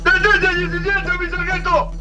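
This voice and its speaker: An actor playing an eager, obedient soldier in a comic radio sketch, shouting replies to his drill sergeant. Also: very high voice, level tone, measured pace, recorded from a distance, over loud music.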